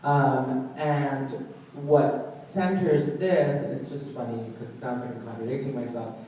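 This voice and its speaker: Man, thoughtful, pausing, mellow voice, roomy echo. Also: medium pitch, steady tone. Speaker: literary agent on a panel. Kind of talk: panel discussion. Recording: echoey room, distant mic, faint noise.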